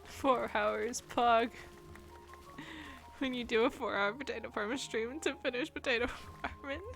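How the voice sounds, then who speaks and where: A woman's voice: fairly high pitch, fairly even intonation, measured pace, vocal fry, fairly bright tone, faint music behind. A woman streaming a game, chatting casually in a giggly, playful way and laughing often. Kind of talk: casual gaming stream chat.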